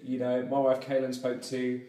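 A man's voice: medium pitch, completely flat delivery, normal speed, mellow. A man with a British accent talking casually as a guest on a podcast. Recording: echoey, distant from the mic.

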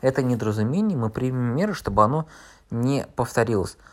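A thin official speaks quietly and coldly, menacing without raising his voice, as a male reader puts him on. His questions come in a dry bureaucratic manner in a storybook reading. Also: medium pitch, animated, brisk, close to an everyday voice.

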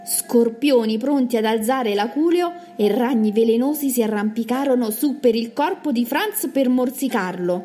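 Expressive woman reading a children's story. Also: a little high, normal speed, few pauses, soft background music. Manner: expressive, dramatic narration.

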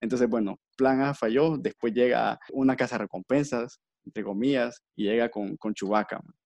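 Gravelly podcast host. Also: male voice, mid-range voice, moderate pace, no echo, lo-fi sound. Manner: animated storyteller, acts out quoted lines, laughs often. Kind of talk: casual retelling of a film plot.

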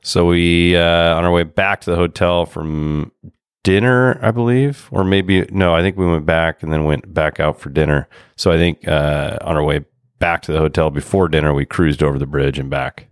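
Male golf podcast co-host, deep voice, dry close sound, laid-back and chatty. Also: moderate pace, clean tone, no echo. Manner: relaxed, chatty storytelling. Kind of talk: casual golf podcast chat.

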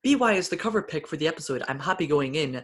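An excitable man co-hosting a casual podcast, stammering through restarts and cursing as he reviews an episode. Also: a little high, quick pace. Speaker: podcast co-host.

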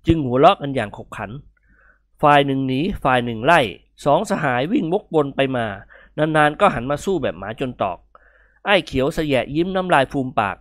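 Guy reading a funny story, bouncy voice, pitch all over, dry close sound. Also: normal speed, no room sound. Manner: lively, expressive. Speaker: narrator.

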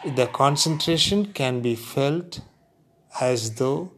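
A man with a calm voice guiding a relaxation exercise in an unhurried, deliberate way, leaving long pauses between short phrases. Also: mid-range voice. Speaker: guided meditation instructor. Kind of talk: guided relaxation narration.

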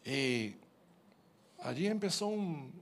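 A man preaching, telling his own testimony as a story, animated and repeating words as he goes. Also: a little high, takes it slowly.

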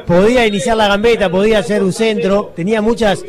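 Over loud crowd noise, a high-voiced man analyses a football match on live radio. He explains each point and repeats it for emphasis. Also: fairly even intonation, fast. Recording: loud stadium crowd behind. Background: stadium crowd.

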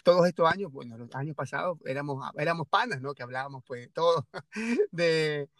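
A man from Ecuador with a Guayaquil Spanish accent hosts a podcast, his voice a little high, animated and slightly fast, in clean studio sound with no echo. His casual conversation is hesitant, full of fillers, restarts and tag questions.

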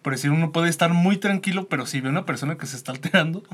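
A Mexican man in a casual podcast chat, telling a rambling story that trails off softly. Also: on the high side, very fast. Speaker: podcast co-host.

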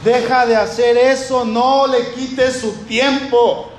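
Scornful crowd voice, slow and mocking, high-pitched, put on by a man preaching in an echoey hall. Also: little pitch movement, slight background noise. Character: scolding street crowd, scornful and impatient.

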